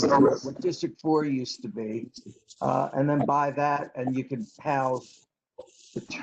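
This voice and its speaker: A man on a council, speaking slowly and haltingly from a computer in a remote meeting. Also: mid-range voice, gravelly, darkish tone, dull audio, a little hiss or hum. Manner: slow, halting, rambling. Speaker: council member. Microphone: computer mic on a video call.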